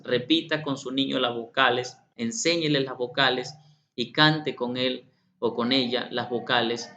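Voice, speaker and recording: A man's voice: medium pitch, a bit bright. A middle-aged man presenting a workshop, often repeating himself and speaking directly to participants. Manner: repeats himself, addresses participants directly, acts out children's voices. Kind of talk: online workshop lecture. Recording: slightly muffled, faint background hum.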